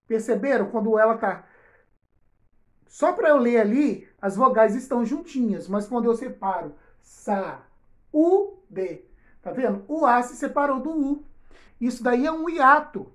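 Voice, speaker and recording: A woman teacher gives a recorded video lesson for young pupils, slowly drawing out example words and checking in often with her class. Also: fairly high pitch. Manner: slow, drawn-out spelling of example words. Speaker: schoolteacher. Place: home or classroom, projecting slides on a wall.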